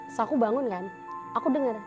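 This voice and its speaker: A woman's voice: fairly high pitch, quick pace, muffled recording, music in the background. A young woman casually recounting her own ghost experiences in a podcast interview, acting out the dialogue between speakers. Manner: acts out quoted dialogue, lots of fillers.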